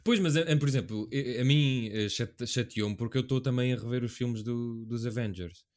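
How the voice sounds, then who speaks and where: A man's voice: mid-range voice, fairly quick, a little mellow. A man from Portugal chatting casually as a podcast co-host, colloquial and opinionated, often checking for agreement. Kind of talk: casual chat.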